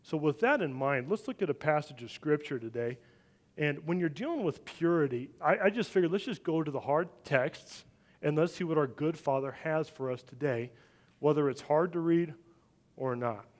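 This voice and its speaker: A middle-aged man preaching a sermon, telling a family story with animated, loud swings when he acts out what people said. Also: on the high side, normal speed. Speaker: pastor. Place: church sanctuary.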